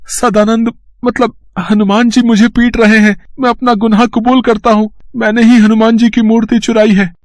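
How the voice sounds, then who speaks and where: A cowering cartoon thief who begs and babbles in a very high, thin voice. The sound is dry and close, with no room around it. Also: male voice, little pitch movement, normal speed, few pauses, no room sound. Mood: panicked. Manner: pleading, frantic. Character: greedy man caught stealing, panicked and begging. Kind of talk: cartoon voice acting.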